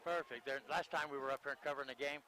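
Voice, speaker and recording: A man calling a high school football game on the radio from outdoors, mixing play-by-play with joking, self-deprecating banter. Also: steady tone, quick pace, low-quality recording. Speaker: play-by-play announcer.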